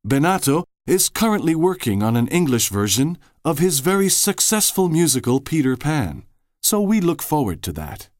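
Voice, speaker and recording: Guy narrating a magazine feature, animated, dry close sound. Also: a little high, moderate pace, no room sound. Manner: clear, lively storytelling delivery. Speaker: host and narrator. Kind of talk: scripted narration.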